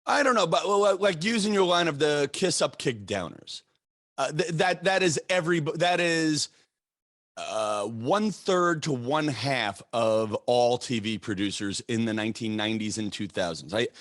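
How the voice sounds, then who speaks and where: A middle-aged man hosting a podcast interview, talking in an animated, halting way with restarts and fillers. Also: mid-range voice, no room sound, studio quality. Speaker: podcast host. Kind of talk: casual interview chat.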